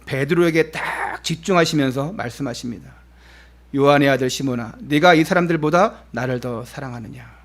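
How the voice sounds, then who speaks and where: In a fairly high-pitched voice, a male pastor preaches a Sunday sermon at a church service. He puts direct questions to the congregation, swinging between emphatic lines and hushed, soft phrases.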